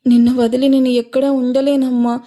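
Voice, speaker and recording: Brief: young bride, tearful and pleading, fairly high mellow voice, read by a woman. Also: flat delivery, brisk, lightly acted. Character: young tearful bride missing her mother.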